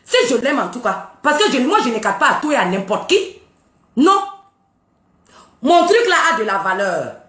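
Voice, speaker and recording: A woman's voice: on the high side, sing-song, normal speed, long pauses, a bit bright. A woman ranting on a live stream, mocking and taunting with frequent laughter and boasting. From Burkina Faso. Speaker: live social media streamer. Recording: roomy echo.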